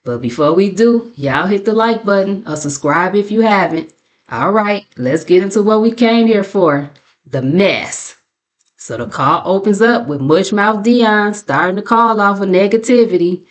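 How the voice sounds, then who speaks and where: An American woman hosts a commentary channel and narrates a casual gossip recap, sounding sassy, mocking and colloquial. Her mid-range voice is expressive and unhurried.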